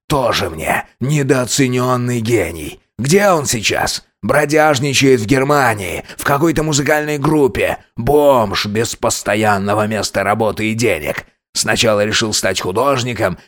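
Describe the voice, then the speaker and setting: A man voicing a domineering older father in an audiobook, slow, cold and contemptuous. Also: mid-range voice, a bit bright. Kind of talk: audiobook character voice.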